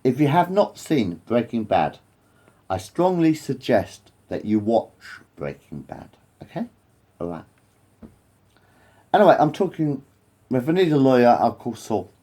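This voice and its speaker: In a warm, mid-range voice with big pitch swings, this English vlogger in his late forties speaks at a measured pace, leaving long pauses. He rambles to camera, going over the same points, swearing and straying off topic.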